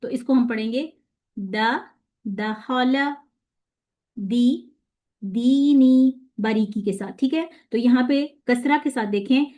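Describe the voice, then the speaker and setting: A woman teaching a Quran pronunciation lesson. She explains step by step, asks and answers her own questions, and slowly sounds out Arabic letters and syllables as models. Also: fairly high pitch, mellow. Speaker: tajweed teacher.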